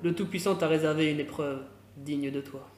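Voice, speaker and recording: A man acts out a solemn spirit of purgatory, speaking slowly and gravely in a slightly high voice. Soft music sits beneath him in this amateur film. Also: fairly even intonation, echoey room, natural voice. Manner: measured, solemn speech. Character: solemn male spirit judging souls in purgatory.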